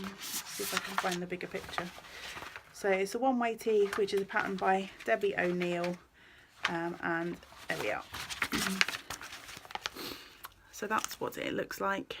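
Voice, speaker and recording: A woman, chatting casually about her knitting in a vlog, rambling along with many ums and quick self-corrections. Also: fairly low pitch, gravelly, noisy background. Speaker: knitting vlogger and yarn shop owner.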